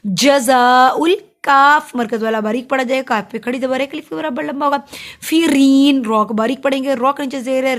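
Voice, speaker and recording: A woman teaching Quran recitation rules, explaining each letter and drawing out the words slowly. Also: sits high. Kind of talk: tajweed lesson with recitation.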